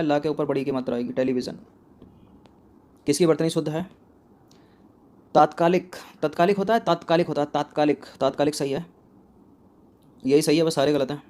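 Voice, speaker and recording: A man's voice: a little high, dark tone. A male exam coach going through a spelling quiz, repeating each word and answering his own questions.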